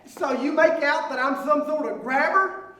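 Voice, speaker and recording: A man's voice: extremely high pitch, normal speed, pushed and bright. A man playing an indignant, stubborn hypochondriac landowner in a comic stage play, with a folksy Southern US accent. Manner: blustering, folksy, argumentative. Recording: echoey stage performance recorded from far off.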